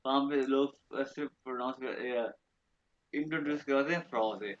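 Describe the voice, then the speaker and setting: A man teaching German vocabulary in an online lesson, repeating each word slowly and often checking that students follow. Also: medium pitch, dull audio.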